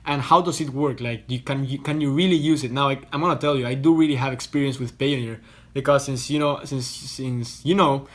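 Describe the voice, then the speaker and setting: A man's voice: medium pitch, fairly quick. A young man from Costa Rica, talking casually to camera from a hotel room, explaining things in a chatty way and often restarting his words. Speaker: online business vlogger.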